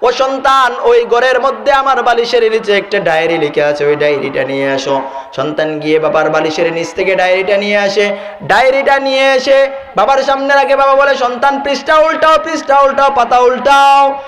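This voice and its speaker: A man's voice: extremely high pitch, fairly even intonation, a little fast, fairly bright tone, reverberant. A man preaching a Bengali waz sermon in a sing-song, pleading style, chanting verses and repeating refrains. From Bangladesh.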